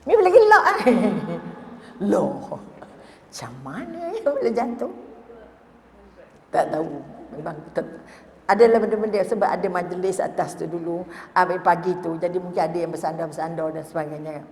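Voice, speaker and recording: Her voice lowish, animated and a little mellow at normal speed, this middle-aged religious teacher with a Malaysian Malay accent lectures in a reverberant, echoey hall. She narrates stories, performs quoted voices and asks the audience questions, with a little hiss or hum audible.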